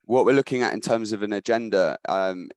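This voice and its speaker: A man's voice: fairly low pitch, a little fast, darkish tone, no echo, clean studio sound. A man presenting a business webinar on a call, his voice slightly scratchy, with frequent ums and restarts. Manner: hesitant, many ums and restarts. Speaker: webinar presenter, agency director.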